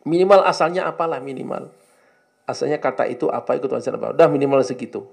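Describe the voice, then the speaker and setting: A man's voice: medium pitch, fast, gravelly. A man teaching a classroom lesson on an Arabic religious text, translating it line by line and coaxing his students to answer his questions. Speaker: Islamic teacher.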